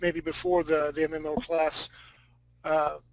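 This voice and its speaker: A man hosts a live art class in a loose, excited way and jokes with the people on the call. His voice sits a bit high for a man. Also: a little slow, rough recording. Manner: enthusiastic, joking. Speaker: class host and instructor. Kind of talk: casual chat hosting a live class.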